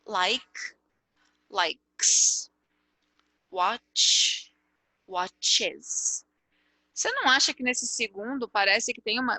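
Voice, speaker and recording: A Brazilian woman with a Brazilian Portuguese accent teaches English grammar online, walking through each step and frequently asking "ok?". Her voice is a little high, bright and forceful, in a dry recording.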